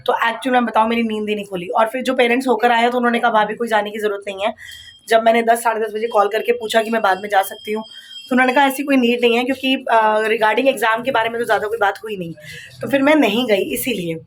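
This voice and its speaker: A woman's voice: fairly high pitch, steady tone, fast talker. A woman in her thirties chatting casually at home in a daily vlog, mixing English words into her talk as she cooks and works. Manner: raises her voice over a barking dog. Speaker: vlogger. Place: home kitchen and rooms. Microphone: phone held while she works.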